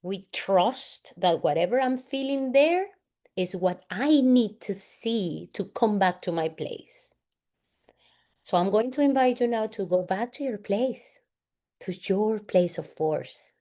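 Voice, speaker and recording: A woman facilitator, an English speaker, leading a family constellations exercise in a slow, soft-spoken guided-meditation style with long pauses. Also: medium pitch, lively intonation.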